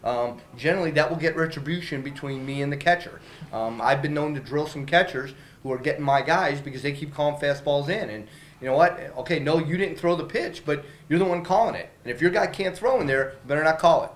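A man's voice: a little high, fairly quick, low-quality recording. A middle-aged man, a baseball team manager, answering reporters' questions after a game in a small press room, speaking candidly with many fillers and restarts into handheld mics held up close. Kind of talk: post-game press interview. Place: small press room in front of a logo backdrop. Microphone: several handheld reporter mics held up close.

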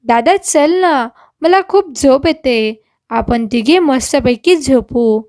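A childlike, innocent young man, as a woman storyteller puts him on. He pleads simply, in a high, slow voice with a dry sound. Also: expressive, darkish tone, dry recording.

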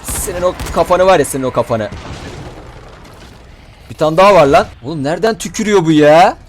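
Excitable male gamer with a lively voice. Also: on the high side, brisk, soft background music. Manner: excitable, swearing, shouting at enemies. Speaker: gaming YouTuber. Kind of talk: let's play commentary.

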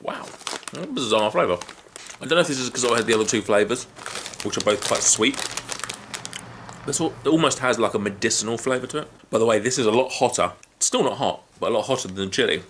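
A man's voice: medium pitch, fast talker, a bit bright. A British man in his thirties giving a casual food review at home, talking between bites of crunching chips. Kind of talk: casual, unscripted tasting review to camera. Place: small living room at home, indoors. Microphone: camera a short distance in front. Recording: clear background noise, crinkling packets.

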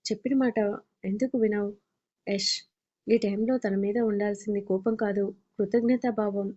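A woman voicing a caring young mother who gently and persuasively scolds, in a slightly dull recording. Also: medium pitch, steady tone, moderate pace, lightly acted.

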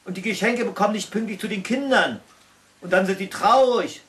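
A man's voice: sits high, a little fast, fairly bright tone, far from the mic, pitched above the performer's own voice. A man voicing a worn-out, whining sleigh reindeer in a storybook reading.

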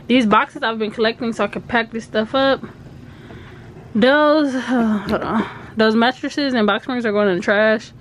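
Young woman rambling casually to her phone camera in a cluttered basement, kinda high voice, noisy background hiss. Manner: chatty, unsure and rambling. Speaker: vlogger. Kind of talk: casual vlog. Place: cluttered basement storage room. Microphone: handheld camera close up. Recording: noisy home video.

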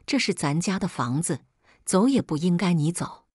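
A woman voicing a calm, shrewd middle-aged mother who speaks firmly and teases slyly. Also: on the low side, moderate pace, breathy edge, dry recording, clean studio sound.

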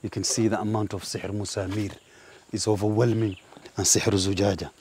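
A man in his thirties, a ruqya practitioner, walking through woodland and emphatically pointing things out, with a husky voice. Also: fairly low pitch, little pitch movement, racing, noisy background. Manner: emphatic, pointing things out, mixes in Arabic terms. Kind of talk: guided outdoor walkthrough. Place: outdoors in woodland by a large tree.

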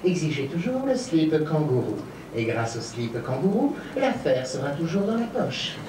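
A man's voice: on the high side, big pitch swings, normal speed, very noisy. Man, drag cabaret comic, spoof ad announcer, roomy hall sound. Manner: mock-commercial announcer delivery, camp. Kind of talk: stage comedy sketch. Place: cabaret stage. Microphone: stand mic, filmed from afar. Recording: echoey far-off home video of a stage.

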